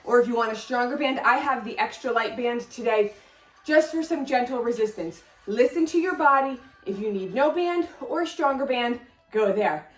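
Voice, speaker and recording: A high-pitched woman leads a workout as the instructor, counting reps and calling out form cues in an upbeat way. She exercises along with the class as she talks. Her voice is picked up from some distance in an echoey room. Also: normal speed, faint music behind. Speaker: fitness instructor.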